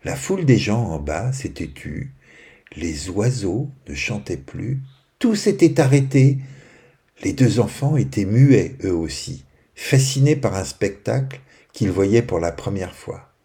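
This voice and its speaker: A man narrating a children's bedtime story in a gentle, expressive way, dropping to a hush at quiet moments. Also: fairly low pitch, a little slow, creaky.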